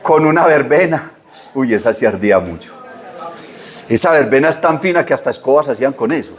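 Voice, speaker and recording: A middle-aged pastor delivers a sermon, telling folksy stories. His voice sits at a middle pitch but swings sharply upward when he mimics other people's words. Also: brisk. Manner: lively storytelling preacher, pitch leaps when quoting people.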